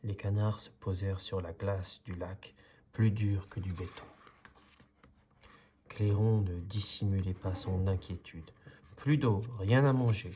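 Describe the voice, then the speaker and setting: A man calmly reading a children's story aloud in a soothing manner. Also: deep voice, a little slow, slight background noise. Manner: calm, soothing. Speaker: storybook reader. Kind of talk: calm read-aloud story.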